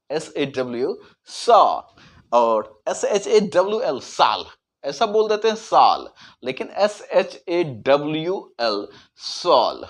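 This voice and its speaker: A man whose first language is Hindi, teaching English pronunciation, spelling words out letter by letter and then saying them slowly. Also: a little high. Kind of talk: explaining spelling and pronunciation lesson.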